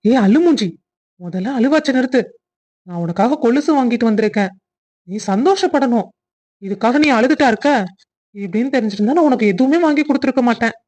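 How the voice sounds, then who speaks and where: Cartoon role: a woman playing a playful, bossy young husband, a bit high-voiced. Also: expressive, a little fast, pauses often, darkish tone. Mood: scolding. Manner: teasing, bossy. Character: young husband Santhosh, teasing and affectionate. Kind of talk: cartoon family drama voice acting.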